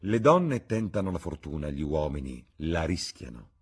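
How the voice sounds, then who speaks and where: A man voicing a witty, cynical aristocratic gentleman who drawls ironic remarks. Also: a bass voice, sing-song, moderate pace, slightly rough, exaggerated voice.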